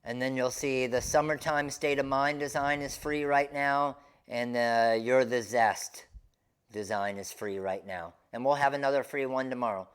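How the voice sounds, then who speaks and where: A man's voice: mid-range voice, steady tone, normal speed, clean tone. A man hosting a craft live stream, chatting casually and informally with his viewers.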